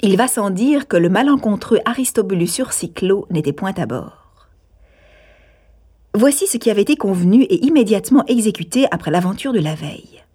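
A woman narrating a classic novel aloud in a measured, even storytelling manner. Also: mid-range voice, breathy edge. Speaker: audiobook narrator.

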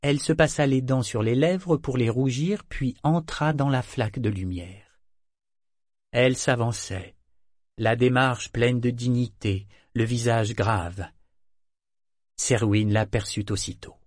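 A man's voice: medium pitch, a little slow, darkish tone, no room sound. A man narrating in a dry studio. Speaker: audiobook narrator. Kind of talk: scripted narration.

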